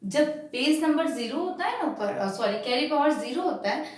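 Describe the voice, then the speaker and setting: A woman teaching a class in a high, deliberate voice. She checks often that the class follows, then answers her own questions. The sound is distant and echoey, as if from across a bare room. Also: animated. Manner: asks checking questions and answers them herself; slow and emphatic when spelling out digits. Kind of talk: classroom lesson on binary numbers. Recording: echoey room, far from the mic.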